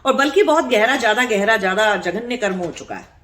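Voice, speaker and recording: A woman's voice: medium pitch, animated, fairly quick, fairly bright tone. Earnest woman giving a spiritual talk. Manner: explanatory, asks rhetorical questions and checks in with the listener; earnest, repeats words for emphasis. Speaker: spiritual teacher. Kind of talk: spiritual discourse.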